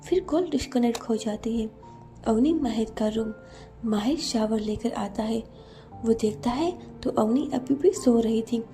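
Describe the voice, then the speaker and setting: A woman narrating a romance story in a steady, even reading style. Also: on the high side, a little slow, faint music behind.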